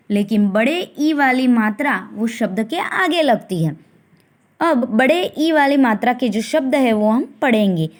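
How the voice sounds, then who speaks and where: A woman teacher with a high voice, leading a recorded lesson for young children. She speaks at an unhurried crawl, drawing each syllable out carefully so the class can follow and repeat after her. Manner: slow, deliberate, stretching syllables to model pronunciation. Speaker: primary school teacher.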